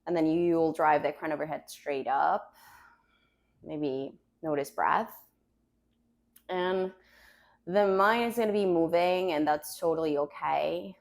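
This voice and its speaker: Calm low-voiced woman guiding a grounding meditation. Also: vocal fry. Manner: calm, gentle instruction with unhurried pauses. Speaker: meditation and yoga teacher.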